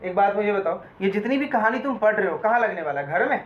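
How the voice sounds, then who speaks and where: A man's voice: high-pitched, lively intonation, fast, slight background noise. A male law lecturer teaching a classroom, mixing Hindi with English terms and asking his students questions as he goes. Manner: addresses students as "beta", quizzes them often. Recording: echoey room, dull lo-fi sound.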